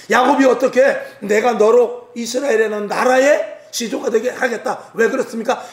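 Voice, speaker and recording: A male pastor preaching a Wednesday sermon, exhorting his congregation and acting out biblical scenes. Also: extremely high pitch. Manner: exhorting, acts out biblical dialogue, jokes. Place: church sanctuary. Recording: echoey church hall.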